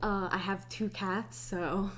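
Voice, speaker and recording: A woman's voice: mid-range voice, very noisy. A young woman in her twenties from Hong Kong, chatting casually through a get-to-know-me Q&A vlog. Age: 20s. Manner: relaxed, unhurried, chatty with restarts. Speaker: YouTuber.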